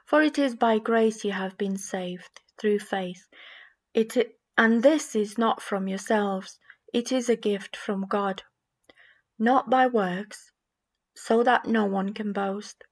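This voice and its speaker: A woman from Romania with a Romanian accent, reading scripture and giving a sermon in a measured, reflective way. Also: mid-range voice. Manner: measured, reflective delivery with small restarts. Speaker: preacher.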